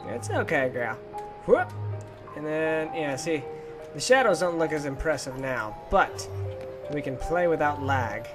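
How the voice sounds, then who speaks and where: A young adult man, a gaming YouTuber, talks through a let's play in a slightly high, expressive, unhurried voice. He's chatty and goofy, tossing out playful exclamations over game music.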